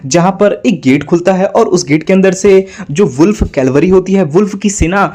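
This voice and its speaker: A man's voice: high voice, moderate pace, darkish tone. A young man casually narrating a comic recap, calling listeners "guys" and reading every character's lines himself. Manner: addresses listeners as guys, reads all characters' lines in his own voice.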